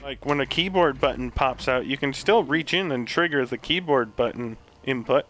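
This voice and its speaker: A man's voice: mid-range voice, moderate pace, a bit bright, faint music behind, rough recording. A man giving casual, rambling commentary while playing a video game, full of joking asides. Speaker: gaming channel host.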